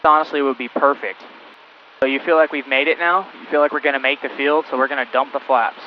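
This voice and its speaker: A male flight instructor on a cockpit headset intercom, calmly talking a student pilot through each step in flight. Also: mid-range voice, fast, dull audio, slight background noise. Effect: heard over a cockpit headset intercom. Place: small plane cockpit in flight.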